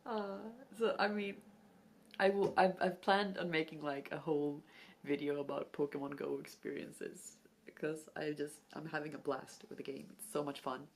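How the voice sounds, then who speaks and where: A woman's voice: deep voice, fairly even intonation, normal speed, creaky, a little hiss or hum. A young woman chatting casually to camera at home, rambling and giggly, with English not her first language. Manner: rambling, giggly, self-deprecating. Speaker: vlogger. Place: home, sitting at a low table.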